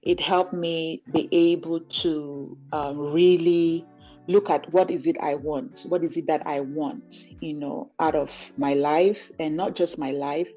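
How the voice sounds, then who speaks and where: Low-voiced woman from Cameroon, earnest. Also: fairly even intonation, measured pace, muffled recording, faint music behind. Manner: earnest, reflective, leans on "you know". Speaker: guest giving a client testimonial. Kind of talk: conversational interview over a call.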